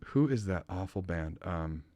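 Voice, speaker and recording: A man hosting a podcast in casual chat, an animated storyteller who swears and laughs often. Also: sits low, unhurried, no echo. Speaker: podcast host.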